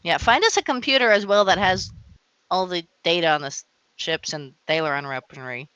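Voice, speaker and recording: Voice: mid-range voice, lively intonation, brisk, sharp tone, smooth, no room sound, highs cut off. A player in a tabletop game, planning the group's moves and joking around. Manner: giggly, playful, plans the party's moves. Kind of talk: casual tabletop game chat.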